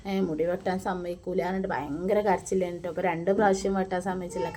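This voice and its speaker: A fairly low-pitched mother from Malappuram, Kerala, speaks with a Malabar Malayalam accent in a chatty narration for her family vlog. She records it in another room at home, away from the filmed scenes, and tacks warm tag words onto her lines. The recording is noisy, with children in the background.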